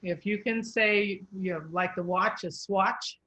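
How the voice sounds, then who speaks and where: Woman voice coach, patient, slow spelled-out explanations, mid pitch. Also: fairly even intonation, pushed and bright, poor audio. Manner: patient, spells out letters slowly. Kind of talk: pronunciation coaching.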